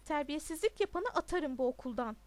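A woman's voice: sits high, animated, fairly quick. A woman voicing a stern, impatient male headmaster who gives commands in a raised voice.

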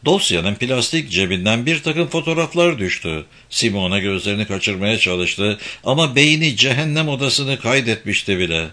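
A man reading a novel aloud in a measured, even storytelling manner. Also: mid-range voice. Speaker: narrator. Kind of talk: audiobook narration.

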